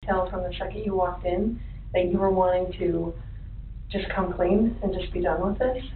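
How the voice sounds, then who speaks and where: A woman calmly runs a polygraph test on old interrogation tape, speaking in a measured, procedural way. Her voice comes through thin and phone-like. She sits away from the mic in an echoey room, with a faint hiss behind her. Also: fairly low pitch, distant mic. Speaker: polygraph examiner.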